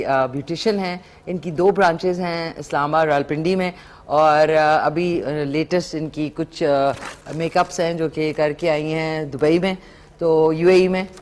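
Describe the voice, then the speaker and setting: A woman's voice: deep voice, darkish tone. A middle-aged woman, hosting a live morning TV cooking segment and chatting to viewers and callers. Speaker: morning show host.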